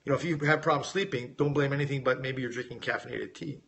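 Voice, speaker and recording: His voice is gravelly yet fairly bright, medium in pitch, and he talks fast. He's a middle-aged weight-loss coach from the United States, raised in Las Vegas, hosting a live Q&A. Over a casual live stream he reads questions sent in by viewers and answers them informally, keeping it conversational and addressing viewers head-on.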